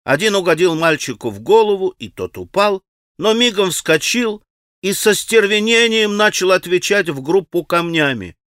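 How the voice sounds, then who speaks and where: A man narrating a classic novel as an audiobook, with expressive, measured storytelling. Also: on the high side, dry recording. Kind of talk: scripted narration. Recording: dry studio recording.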